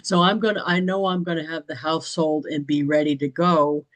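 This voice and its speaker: A woman's voice: sits low, fairly even intonation, normal speed, low-quality recording. A woman chatting casually in a group meeting, rambling along with frequent restarts and light laughter. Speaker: business training participant.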